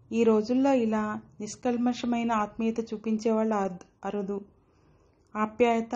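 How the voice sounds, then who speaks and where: Woman reading a novel aloud, dark-toned. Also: on the high side, muffled recording. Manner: narrates and voices every character herself. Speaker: audiobook narrator.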